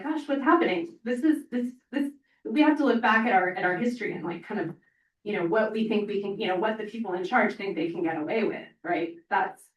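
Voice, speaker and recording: A woman speaking on a panel as a parent organizer, earnest and rambling with many fillers, audibly emotional. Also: medium pitch. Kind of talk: panel discussion. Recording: echoey room, from far off.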